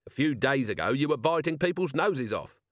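A man's voice: medium pitch, sing-song, fairly quick, no echo, pitched above the performer's own voice, close to an everyday voice. A man voicing a weary, blunt male watch commander in an audiobook, dry and tired.

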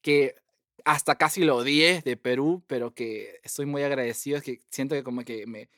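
A young man, a guest telling his story in a lively way and slipping English phrases in among fillers. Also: mid-range voice, moderate pace, dry recording, clean studio sound. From Peru. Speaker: guest scientist. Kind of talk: casual interview storytelling.

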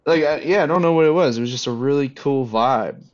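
This fast-talking man with a mid-range voice organizes airsoft games and speaks on a podcast in a loose, easygoing ramble full of filler words. The audio is lo-fi and dull.

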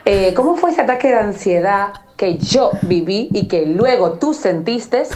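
Woman, voice message, excited, teasing, chatty. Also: mid-range voice, a little slow, slight background noise. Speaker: sender of a voice message. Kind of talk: casual voice message.

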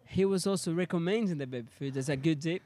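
A man's voice: on the high side, fast talker, heavy background noise. A man from Brazil whose first language is Portuguese, speaking English with a Brazilian accent in casual podcast chat, with slightly broken grammar. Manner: slightly broken English, laughs while telling.

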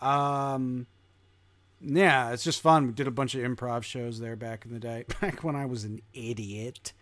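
A man's voice: mid-range voice, fairly even intonation, unhurried, a bit bright, no room sound. Guy hosting a chill podcast, laughs a lot, rambly, dry close sound. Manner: laughs often, rambling with fillers. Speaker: podcast host. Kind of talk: casual chat.

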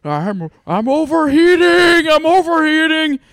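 A man voicing an overheated man who moans and groans loudly in a sauna, dragging out every complaint. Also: very high-pitched, big pitch swings, gravelly, no room sound, studio quality, pitched above the performer's own voice, exaggerated voice. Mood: overheated, moaning. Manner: loud, drawn-out, slow moaning complaints.

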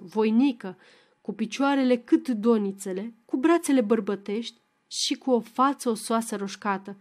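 Woman, audiobook narrator, expressive dramatic reading, fairly high voice.

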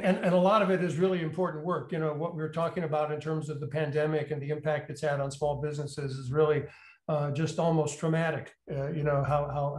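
A man's voice: a little high, darkish tone. A man hosting an interview, with many filler uhs and repeated words as he asks questions. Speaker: interviewer, university executive in residence. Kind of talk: hosted interview. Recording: roomy echo.

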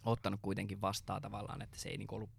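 A low-voiced man with a gravelly, creaky edge tells a long story in a loose podcast chat. He rambles and swears as he goes. The sound is close and dry. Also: monotone, no echo. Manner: rambling, full of fillers and swearing. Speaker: podcast co-host.

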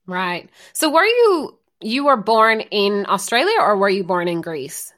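A woman's voice: medium pitch, big pitch swings, measured pace, fairly bright tone. Curious woman podcast host. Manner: curious, asks follow-up questions. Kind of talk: casual interview.

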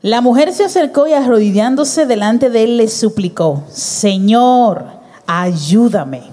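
A woman reading scripture aloud during a church service at a slow, measured pace. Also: on the high side, animated, mellow. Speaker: scripture reader.

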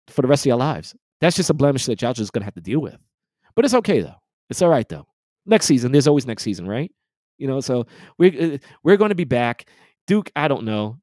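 A man's voice: medium pitch, a little mellow, no echo, clean studio sound. A man hosting a podcast, ranting in a casual, gloating and heated way, full of profane trash talk. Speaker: podcast host.

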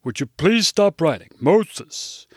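A man's voice: on the high side, big pitch swings, slow pace, a little mellow, slightly rough, no echo, studio quality, pitched above the performer's own voice, full character voice. A man voicing an exasperated male deity who keeps correcting how his name is spelled. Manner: exasperated, pleading.

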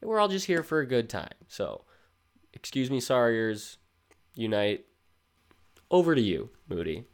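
A man's voice: mid-range voice, wildly swooping pitch, moderate pace. A man co-hosting a podcast in a playful, jokey casual chat. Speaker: podcast co-host.

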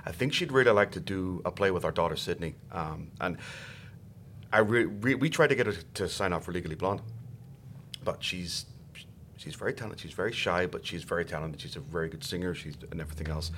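A man's voice: deep voice, brisk, a bit bright, a little hiss or hum. A middle-aged Irish man chatting as a podcast guest, hesitant and self-deprecating, often repeating words as he goes. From Ireland. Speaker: guest actor. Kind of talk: casual podcast chat.

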